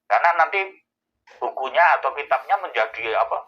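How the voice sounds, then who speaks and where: A man, explaining answers to a host's questions in a thoughtful way, pausing often to find his words. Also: medium pitch, expressive, pushed and bright, lo-fi sound. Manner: thoughtful, with many pauses and fillers. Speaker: Islamic scholar answering questions. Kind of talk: explanatory Q&A talk.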